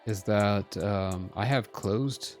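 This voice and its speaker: A man's voice: on the low side, slow pace. A man chatting casually with viewers during a live game stream, self-deprecating and talking straight to chat. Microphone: headphones with desk mic. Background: soft background music.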